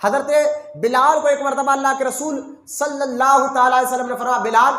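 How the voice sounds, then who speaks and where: Male preacher, very high voice, impassioned rhetorical sermon, echoey room. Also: steady tone, fairly bright tone. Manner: impassioned, rhetorical, repeating phrases for emphasis. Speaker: spiritual guide preacher. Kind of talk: Urdu sermon.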